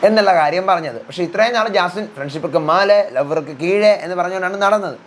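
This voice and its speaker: Young guy racing through a show recap, slightly high voice, faint room hum behind. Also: a bit bright. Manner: rapid chatty retelling, voicing housemates' quotes. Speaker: reality show reviewer, channel host. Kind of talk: casual spoken episode recap.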